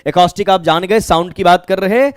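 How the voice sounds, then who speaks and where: A man's voice: high voice, brisk, smooth, no echo, clean studio sound. A man with a Bihari accent teaching an exam-prep vocabulary lesson. He explains step by step, asking questions and answering them himself.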